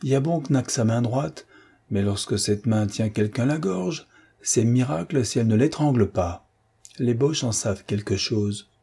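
A man's voice: medium pitch, animated, a little slow, gravelly, warm tone, breathy edge, heavily acted. A man voicing a jovial army captain who gives orders to his wounded soldiers, by turns commanding and affectionate. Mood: firm. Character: hearty male army captain, convalescent officer.

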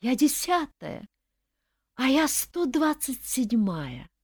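A woman voicing a chorus of pleading female ghost brides in an audiobook, urgent and shrill. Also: very animated, slow pace, husky, no room sound, clean studio sound, heavily acted. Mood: mournful. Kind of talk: audiobook reading.

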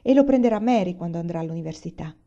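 A calm, practical pioneer mother, as a woman reads her lines aloud. Her voice is mellow and warm. The recording is dull and lo-fi. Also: on the low side, very fast. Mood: kind.

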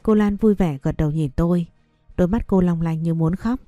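A woman narrating a first-person story in a soft, earnest manner. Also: fairly low pitch, brisk, no echo, faint music behind.

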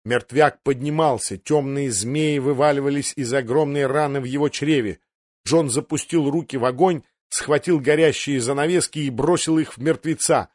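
A man reading a fantasy audiobook aloud in a steady, dramatic narration. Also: medium pitch, moderate pace, no room sound, studio quality. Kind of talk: scripted narration.

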